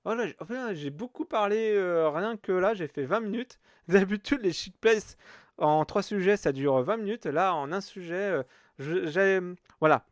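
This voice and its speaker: Rambling podcast host, high-ish man. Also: lively intonation, moderate pace, no echo, studio quality. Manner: rambling, many hesitations and fillers. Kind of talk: casual solo podcast chat.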